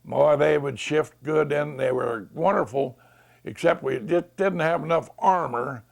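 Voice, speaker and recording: Very gravelly old American veteran remembering. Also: male voice, a little high, unhurried. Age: 90s. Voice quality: gravelly, creaky aged voice. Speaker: World War II veteran. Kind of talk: oral history reminiscence.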